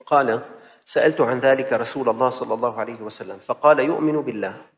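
A man's voice: medium pitch, fast. Male preacher, rhythmic repeating sermon delivery, long hall reverb. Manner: mixes classical Arabic with colloquial asides, rhythmic repetition. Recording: dull sound in a reverberant hall.

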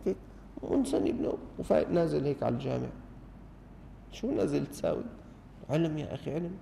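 A middle-aged man with a Damascene Arabic accent giving an animated religious lesson to a gathering, full of rhetorical questions and teasing mimicry. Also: on the high side, gravelly, slight background noise. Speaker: religious teacher. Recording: long hall reverb.

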